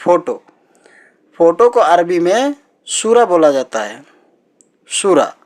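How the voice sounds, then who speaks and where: A man teaching everyday vocabulary as a language teacher, repeating each word slowly and patiently. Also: sits high, big pitch swings, a little mellow. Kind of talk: teaching Arabic words in Hindi.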